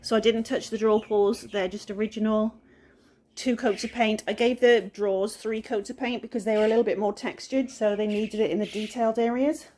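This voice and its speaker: A woman's voice: a little high, darkish tone, slight background noise. Woman, West Country English accent, chatty DIY vlogger, rambles and pokes fun at herself. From England-Wales border, UK. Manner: chatty, rambling, self-deprecating. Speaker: furniture flipper. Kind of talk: casual DIY vlog narration.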